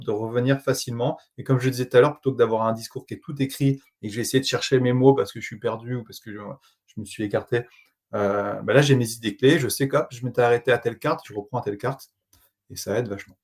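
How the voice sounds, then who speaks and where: A man's voice: mid-range voice, quick pace, darkish tone. A man co-hosting a webinar, sharing his experience modestly in casual, hesitant speech. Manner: modest, conversational, hesitant fillers. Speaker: webinar co-host.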